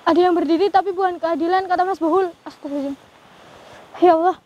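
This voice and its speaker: A woman with a very high voice hosts a ghost-hunting vlog. She sounds nervous throughout and keeps breaking into murmured prayers. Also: steady tone, fast, lo-fi sound, a little hiss or hum. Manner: fearful, praying aloud often. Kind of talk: live paranormal investigation vlog.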